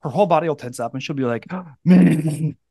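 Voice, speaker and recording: A man's voice: mid-range voice, racing, warm tone, no room sound, clean studio sound. A man in his thirties hosting a podcast, talking casually with many fillers and restarts. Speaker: podcast host.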